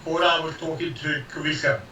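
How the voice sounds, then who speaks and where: Bright, higher-pitched man in echoey room. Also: flat delivery, fairly quick, distant mic. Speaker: tabletop game player. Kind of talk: casual game-table chat. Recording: echoey, dull, noisy, off-mic.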